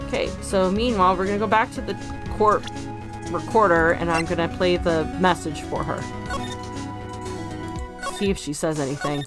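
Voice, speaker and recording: A woman's voice: on the low side, fairly even intonation, moderate pace, pauses often. A woman hosting a game playthrough, reading dialogue and narration aloud and adding casual comments. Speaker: let's play host. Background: game music.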